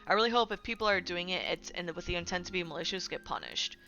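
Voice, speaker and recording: A woman with a bright, ringing voice that sits a little low, chatting loosely on a livestream. She leans on fillers like "like" and keeps tagging her points with "right?". Faint music plays underneath. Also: fast. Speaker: streamer. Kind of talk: casual livestream commentary.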